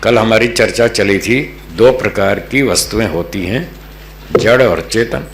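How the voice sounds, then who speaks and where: A man's voice: lowish voice, measured pace, vocal fry. A man from Delhi giving a religious philosophy discourse as a spiritual teacher, patient and explanatory, repeating key terms. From Delhi, North India. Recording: echoey hall with faint hum.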